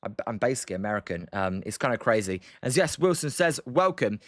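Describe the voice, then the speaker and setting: A young British man hosts a livestream, chatting casually about the game between replies to chat and rambling hesitantly with plenty of ums and uhs. His lowish voice swings widely in pitch, moves quickly and sounds fairly bright, with clean, echo-free studio audio.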